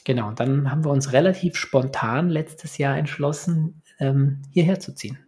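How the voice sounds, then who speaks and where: A business consultant and coach in his forties from Munich, Germany, answers questions as a guest on a podcast. The talk is casual, and he hesitates and repeats words while searching for phrasing. His mid-range, slightly mellow voice moves at a moderate pace.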